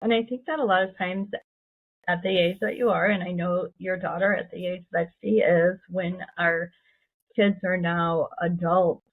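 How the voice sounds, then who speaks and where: Husky woman host over a tinny line. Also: on the low side, steady tone, normal speed. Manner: affirming and encouraging. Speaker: podcast host and coach. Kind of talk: casual interview.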